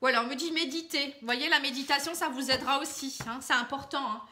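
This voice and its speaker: A woman doing a casual card reading, chatty and gently advising the viewer, with many filler words. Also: high-pitched, fast talker. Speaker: card reader. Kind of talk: casual tarot reading to camera.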